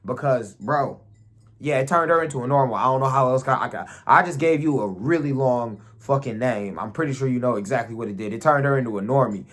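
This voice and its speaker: A man casually recapping TV episodes in profane, slangy, animated storytelling. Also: medium pitch, brisk. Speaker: show recapper.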